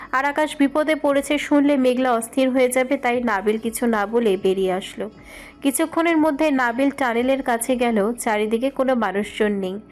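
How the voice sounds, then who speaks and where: Woman narrating a love story. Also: fairly high pitch.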